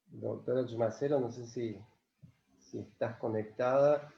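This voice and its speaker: A man's voice: medium pitch, fairly even intonation, measured pace, gravelly. A man casually moderating an online meeting over a video call. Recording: dull, echoey video call, faint noise.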